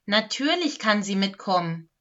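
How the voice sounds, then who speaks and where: A woman's voice: mid-range voice, sing-song, normal speed, fairly bright tone, highs cut off. A woman voicing a helpful male Christmas elf in a storybook reading, friendly and explaining.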